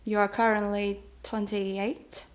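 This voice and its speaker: Speaking slowly in a level, mid-range voice over a noisy background, this giggly, hesitant vlog host chats casually about relationships with her viewers. She's a thirty-year-old Taiwanese woman whose native language is Mandarin.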